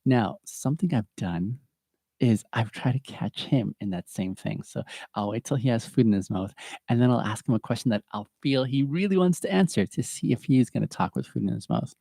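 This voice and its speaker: A middle-aged man talks through a casual, reflective podcast monologue from his home. His voice has a gravelly, mellow tone. He is chatty and earnest and often laughs at himself, and the sound is dry and close. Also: medium pitch, animated, a little fast, no echo. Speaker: podcast host.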